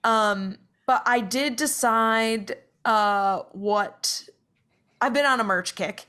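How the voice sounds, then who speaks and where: A woman's voice: a little high, slow, sharp tone, clear, resonant tone. A woman co-hosting a podcast over a video call, chatting casually in a bubbly, giggly way. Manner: bubbly and giggly, says she is on a roll. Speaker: podcast co-host.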